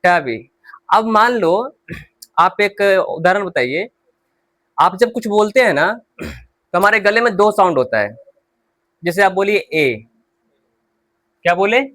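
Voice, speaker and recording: A man with a Hindi accent teaching English pronunciation, his voice high and his delivery slow and deliberate. He drills each word repeatedly, asking questions and answering them himself. The sound is dry and close. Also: big pitch swings, a bit bright, dry recording. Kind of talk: spoken English lesson in Hindi.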